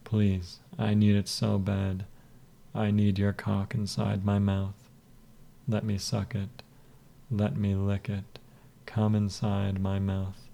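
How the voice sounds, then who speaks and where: A man's voice: lowish voice, slow, creaky. A man doing a dazed, pleading entranced man. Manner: monotonous, sleepy, pleading. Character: desperate entranced young man, pleading and submissive.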